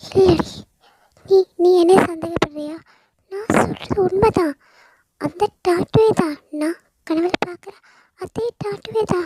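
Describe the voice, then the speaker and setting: A woman's voice: extremely high pitch, unhurried, background noise, pitched above the performer's own voice. A woman voicing a young woman who pleads and cries, slipping Tamil words into Malayalam. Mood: doubtful. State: crying. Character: young woman, anxious then grief-stricken. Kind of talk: audio story role-play.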